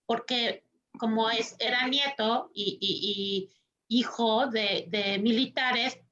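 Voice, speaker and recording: Woman panelist, unhurried and a touch high, muffled video-call sound. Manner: slow, thoughtful, tag questions, animated quoting. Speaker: panelist, psychologist. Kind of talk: panel discussion talk.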